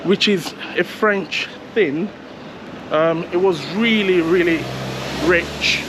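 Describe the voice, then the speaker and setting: A man walks city streets filming his travel vlog, talking slowly and loosely and often laughing at himself. His voice sits fairly high, and the talk rambles from one thought to the next. Clear street noise and passing traffic run behind him. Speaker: travel vlogger. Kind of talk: casual walking vlog.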